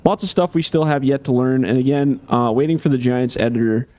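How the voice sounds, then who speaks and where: A man giving casual gameplay commentary as a game modder, chatty and thinking aloud with many fillers, slightly hoarse. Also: mid-range voice, a little fast, darkish tone, no room sound.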